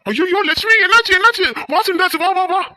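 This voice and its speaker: A man's voice: very high voice, fast talker, noisy background. A man voicing a grieving elderly village father in a cartoon drama, speaking in a pleading lament. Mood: grief-stricken. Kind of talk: Tamil cartoon drama voice acting.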